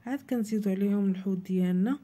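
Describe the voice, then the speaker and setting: A woman's voice: medium pitch, very fast, warm tone. A woman with a Moroccan Arabic accent, hosting her cooking channel and explaining a recipe step by step to viewers. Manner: plain, instructive, addresses viewers directly. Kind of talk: cooking tutorial voice-over.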